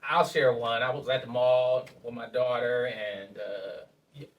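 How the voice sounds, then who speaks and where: A man, an actor guest, telling a story in a relaxed way with hesitant fillers. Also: medium pitch, unhurried, distant mic, lo-fi sound. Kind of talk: casual interview chat.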